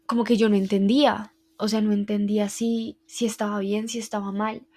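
Flat-voiced woman telling a story. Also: medium pitch. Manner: reflective, heartfelt, halting recounting. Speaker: podcast host. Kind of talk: personal storytelling monologue.

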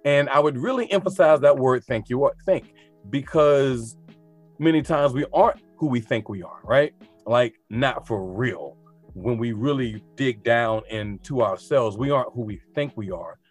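Animated man teacher, casual and talky. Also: mid-range voice. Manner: animated, talky, reflective with colloquial asides. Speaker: teacher of high school students. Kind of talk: casual interview conversation.

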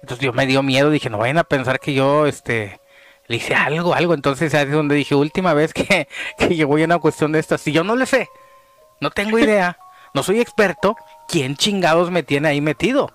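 A man with a Mexican accent telling a story in casual chat, animated and dropping to hushed tones at tense moments. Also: fairly high pitch, normal speed, faint music behind. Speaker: podcast guest telling a story.

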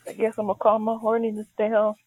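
Husky-voiced woman cohost, giggles and pokes with questions. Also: on the high side, monotone, fast, a little mellow, rough recording. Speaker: podcast co-host. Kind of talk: casual chat.

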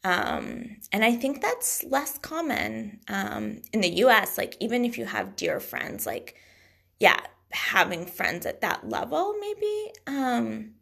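A young woman chats on her own podcast in a loose, rambling way, filling pauses with fillers as she thinks aloud. Her voice is heavily gravelly and breathy, and her pitch swings widely from low to high. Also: wildly swooping pitch, fairly bright tone. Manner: rambling and hesitant, many fillers. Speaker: podcast host. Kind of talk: casual solo podcast chat.

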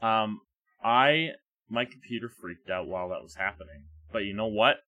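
A man with a bright, forceful tone, talking about metal bands in a relaxed, wry way as a podcast co-host. He leans on "um" and "like" as he thinks aloud. The recording is dry and close. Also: on the low side, moderate pace, no room sound, muffled recording. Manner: relaxed, wry, filler-heavy. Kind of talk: casual music review chat.

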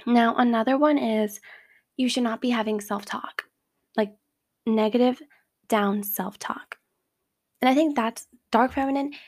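A woman's voice: on the high side, unhurried, pauses often. A woman hosting a casual advice talk, speaking in a chatty way with lots of fillers like "like.". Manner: acts out quoted remarks in a brighter voice. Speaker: host giving advice.

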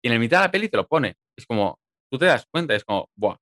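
A man from chatting casually about a film, lively and emphatic, with casual swearing. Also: mid-range voice, fast talker, dry recording, studio quality.

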